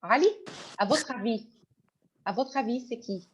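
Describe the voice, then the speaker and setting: A woman's voice: fairly high pitch, measured pace, breathy edge. A woman teaching a French class, patient and repetitive, explaining words and often switching into English. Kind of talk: online class lesson. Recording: dull lo-fi sound.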